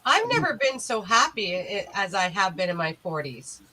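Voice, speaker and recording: A woman's voice: medium pitch, very animated, normal speed, noisy background. A woman in her forties chatting as a guest on a livestream, playful and teasing. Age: 40s. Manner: playful and teasing, laughs easily. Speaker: guest in the chat. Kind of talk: casual chat.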